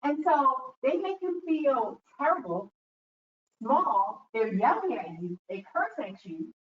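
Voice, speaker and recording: A woman's voice: high-pitched, slow. A woman giving a talk to students, telling stories and acting out quotes as she goes. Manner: animated storytelling with acted-out quotes. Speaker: guest speaker. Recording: echoey room, distant mic, dull sound.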